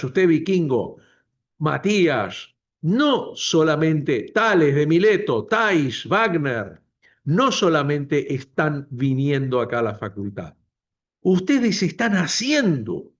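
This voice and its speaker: Slow, lively-voiced man giving a talk. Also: a little high, highs cut off. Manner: emphatic, repeating key phrases. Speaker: doctoral program director. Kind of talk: introductory speech at a book presentation. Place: university lecture room, also streamed to video call.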